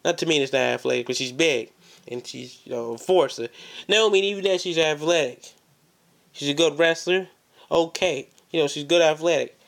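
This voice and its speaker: Man, wrestling promo, slightly high pitch, confrontational, boastful challenge to an opponent, repeated phrases. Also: normal speed, creaky.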